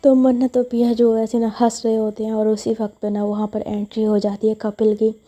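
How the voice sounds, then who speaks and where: Dark-voiced woman telling a story. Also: a little high, completely flat delivery, a little fast. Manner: chatty, voicing characters' lines in turn. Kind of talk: casual spoken storytelling.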